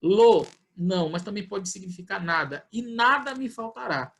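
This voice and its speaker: A man's voice: sits high, moderate pace, gravelly, fairly bright tone. A man with a Brazilian Portuguese accent, a pastor explaining scripture in an online Bible study and acting out people's questions. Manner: explanatory, acts out questions in quoted voices.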